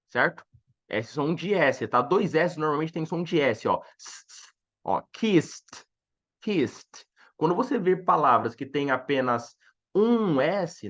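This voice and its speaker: A man with a Brazilian Portuguese accent teaching English in a live online lesson, slowly repeating each word twice and chatting with viewers. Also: fairly high pitch, highs cut off. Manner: chatty, animated explaining to viewers.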